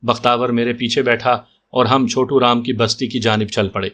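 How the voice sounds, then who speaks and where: Man, storyteller, scripted narration, mid-pitched voice. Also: flat delivery, fairly bright tone.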